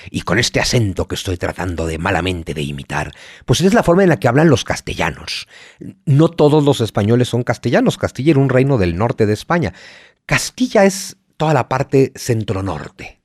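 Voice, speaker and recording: A man's voice: lowish voice, a little mellow, dry recording, studio quality. A man with a Mexico City accent, speaking as a guest in a podcast interview, passionate and emphatic, piling up points with rising energy. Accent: Mexico City Spanish. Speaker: guest historian.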